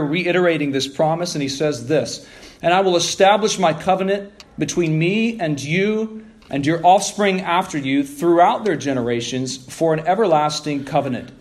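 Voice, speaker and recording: A man delivers a teaching sermon into a pulpit microphone, his voice sitting a little higher than most men's. He guides listeners through scripture, reading passages aloud. He pauses on rhetorical questions as he explains what the verses mean. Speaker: pastor. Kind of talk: expository sermon.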